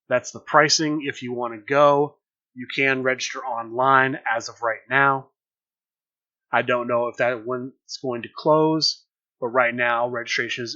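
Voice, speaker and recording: A man with a bright, forceful voice hosts a solo podcast news roundup. He reports plainly and admits when he is unsure. The recording is dull and lo-fi, like a home setup. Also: medium pitch. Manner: plain, matter-of-fact reporting with small hedges. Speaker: podcast host.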